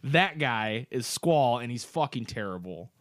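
A man's voice: mid-range voice, lively intonation, measured pace, dry recording, studio quality. A man hosting a video game podcast, chatting casually and rambling with lots of fillers. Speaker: podcast host. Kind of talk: casual chat.

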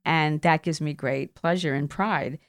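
Low, clear-voiced middle-aged woman. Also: fairly even intonation, a little slow. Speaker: podcast guest. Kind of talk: casual chat.

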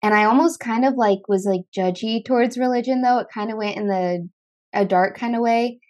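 Brisk and on the high side with a darkish tone, a woman hosts a podcast in casual conversation. She's chatty, leans heavily on filler words, and says "like" constantly.

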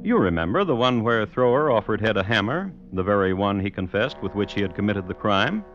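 Wry male narrator, low voice, lo-fi old radio recording. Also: very animated, brisk, fairly bright tone, soft background music. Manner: dry and wry. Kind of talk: scripted narration.

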